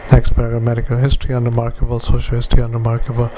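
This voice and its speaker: A male doctor giving rapid, clipped medical dictation in a routine way, reading off notes with spoken punctuation. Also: medium pitch, completely flat delivery. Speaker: doctor, psychiatrist. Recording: clearly noisy background.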